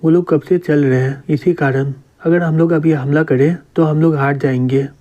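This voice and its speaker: A man's voice: fairly high pitch, fairly even intonation, normal speed, dark tone, lightly acted. A man reading the part of a scheming male noble lord in a comic recap. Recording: dull lo-fi recording.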